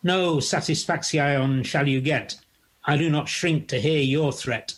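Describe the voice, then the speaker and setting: A man's voice: fairly high pitch, a little slow, breathy edge. A man playing a bold, boastful knight, declaiming rhymes in a comic folk play. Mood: boastful, defiant. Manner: declamatory, rhyming bravado. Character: boastful, bold knightly hero Saint George.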